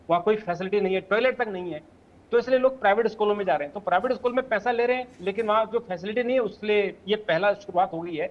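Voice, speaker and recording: A man joins a televised debate as a guest, speaking insistently and pushing past interruptions. His voice sits high and the words come quickly. His audio is dull and lo-fi, as if coming over a remote link. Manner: insistent, talks over others. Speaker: panel guest. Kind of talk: political debate.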